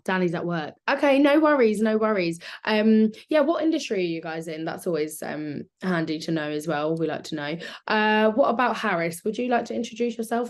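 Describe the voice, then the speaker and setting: A woman with a South London accent hosting a live online session in an informal, chatty way. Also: fairly low pitch. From South London, England. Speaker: webinar host.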